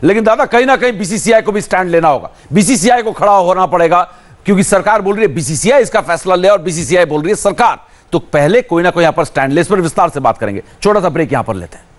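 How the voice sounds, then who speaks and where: A man anchoring a cricket show on TV, talking in an energetic, emphatic presenter manner. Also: high voice, fast talker. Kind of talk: TV news anchoring.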